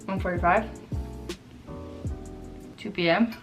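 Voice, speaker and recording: A woman's voice: mid-range voice, steady tone, slow. A woman in her twenties chatting casually to the camera in a rambling, self-deprecating way. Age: 20s. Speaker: vlogger. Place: apartment in New York. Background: background music.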